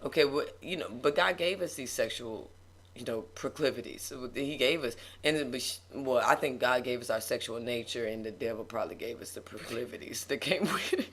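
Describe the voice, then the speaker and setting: A woman talking about faith in a relaxed conversation, slipping into a preaching cadence. She leans hard on her key words and laughs often between points. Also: very deep voice, brisk, a little hiss or hum. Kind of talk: casual faith talk.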